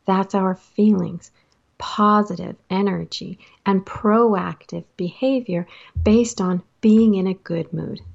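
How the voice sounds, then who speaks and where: A woman coaching people in a casual motivational talk, lively and quick to act out quotes in different voices. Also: medium pitch, vocal fry, dull audio. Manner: animated, acts out quotes and laughs often. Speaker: life coach.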